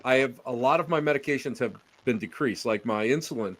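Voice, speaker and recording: An older man from Western New York chatting casually on a podcast, animated and teasing, often laughing. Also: mid-range voice, a little fast. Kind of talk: casual chat.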